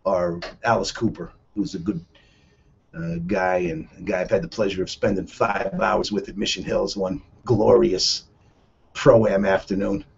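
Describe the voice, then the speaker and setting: A man hosting a radio talk show, telling rambling stories in a casual, excitable way. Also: sits low, measured pace, gravelly, husky, muffled recording. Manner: rambling, excitable, chuckling storyteller. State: a little out of breath.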